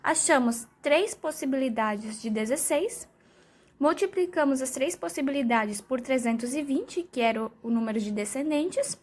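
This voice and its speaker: A teenage girl walking through her answer to a genetics exercise, step by step, with small pauses. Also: sits high, expressive, darkish tone. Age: late teens. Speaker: student explaining a genetics problem. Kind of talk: improvised homework explanation.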